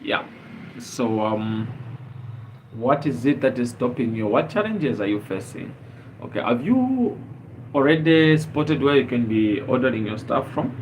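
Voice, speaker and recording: A man's voice: medium pitch, very animated, a little slow, a little hiss or hum, rough recording. Earnest man from Zambia hosting a live stream. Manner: earnest, repetitive, many fillers and rhetorical questions.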